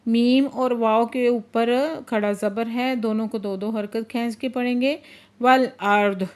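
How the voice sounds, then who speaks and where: A woman teaching Quran recitation, chanting verses slowly and drawn out, then explaining the rules briskly. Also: a little high, fairly even intonation, dark tone. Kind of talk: tajweed lesson, slow chanted recitation then quick explanation.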